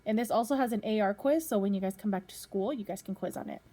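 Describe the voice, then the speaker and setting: In a mellow, medium-pitched voice, a woman reads a picture book to children the way a teacher would in class, breaking off to put questions to her young audience.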